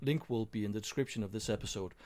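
A man hosting a casual podcast, his voice a little gravelly from a recovering throat. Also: lowish voice, quick pace, darkish tone. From Denmark. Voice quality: slightly gravelly. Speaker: podcast host.

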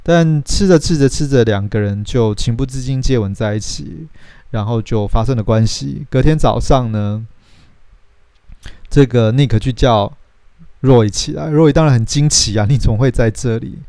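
A man's voice: mid-range voice, normal speed, warm tone, clear, resonant tone, no room sound. A man, telling the plot of a film in a casual, chatty way and acting out the characters' lines. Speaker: host retelling a film plot. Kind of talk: casual storytelling film recap.

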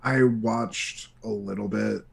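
A man's voice: lowish voice, steady tone, slow pace, vocal fry, slightly rough. Wry, swearing young man. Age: 20s. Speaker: podcast co-host. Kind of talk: casual chat.

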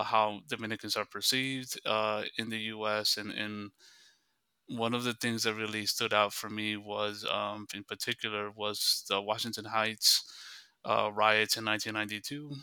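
A fairly low-voiced man from the United States talks through history in a steady, explanatory way, almost without melody. His tone is very bright and crisp, and the sound is dry and close. He speaks like a librarian in a relaxed podcast conversation. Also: dry recording. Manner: measured, explanatory storytelling.

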